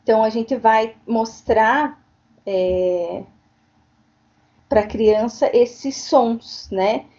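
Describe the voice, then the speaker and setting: A woman's voice: on the high side, drawn-out words, pauses often, darkish tone. A woman giving an online lecture as a teacher educator, explaining at length and often tagging on questions to check understanding. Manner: explanatory, frequent tag questions. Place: home, virtual meeting. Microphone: computer mic on a video call. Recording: dull lo-fi online recording.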